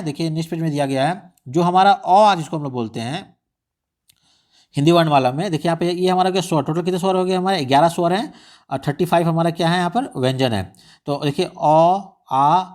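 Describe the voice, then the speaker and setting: A man explaining exam material at a brisk, rapid clip. His voice sits a little higher than most men's. He keeps throwing in rhetorical questions and English terms. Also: a little mellow. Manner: repetitive rhetorical questions, mixes English words. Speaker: exam tutor.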